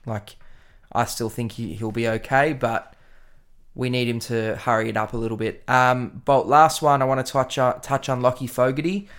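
A man's voice: mid-range voice, steady tone, moderate pace, fairly bright tone. A man with an Australian accent hosting a casual football podcast, speaking in a laid-back, colloquial, blokey way. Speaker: podcast host.

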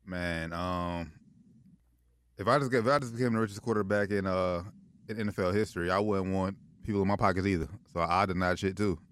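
Smooth, low-voiced male sports talk host. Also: fairly even intonation, brisk. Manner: slangy, repeats phrases for emphasis. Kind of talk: casual sports banter.

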